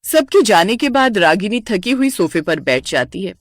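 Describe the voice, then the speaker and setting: A woman narrating a family cartoon story in a clear, scripted storytelling manner. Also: medium pitch, very animated, moderate pace, dry recording, clean studio sound.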